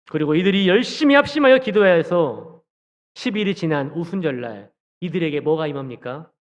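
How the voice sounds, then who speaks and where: Animated high-voiced male preacher in a hall. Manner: animated, acts out quoted dialogue, asks the congregation questions. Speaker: junior pastor. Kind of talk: sermon. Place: church sanctuary. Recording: dull church hall recording with long reverb.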